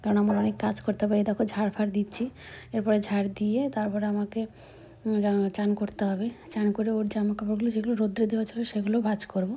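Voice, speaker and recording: A young woman vlogging at home, speaking softly and often whispering. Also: mid-range voice, little pitch movement, brisk. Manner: baby talk to her infant. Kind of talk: casual vlog chat.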